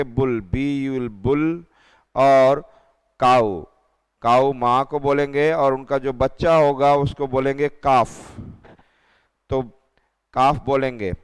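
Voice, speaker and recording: A man's voice: medium pitch, clear, resonant tone, long reverb tail. A man teaching children, spelling English words letter by letter and repeating them.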